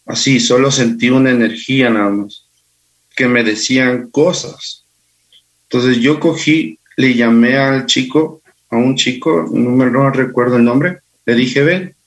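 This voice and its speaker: A man guest recounting personal experiences in a halting, unhurried way. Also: mid-range voice, fairly even intonation. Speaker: interview guest. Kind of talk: personal storytelling.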